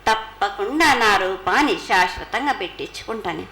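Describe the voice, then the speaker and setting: A woman's voice: mid-range voice, animated, moderate pace, a loud crowd. A woman with a Telangana accent speaking in a prophetic trance voice as a goddess, declaiming blessings and commands in repeated phrases. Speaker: oracle delivering the annual prophecy as the goddess at a temple festival. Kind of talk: ritual prophecy spoken as a goddess. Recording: echoey temple sound.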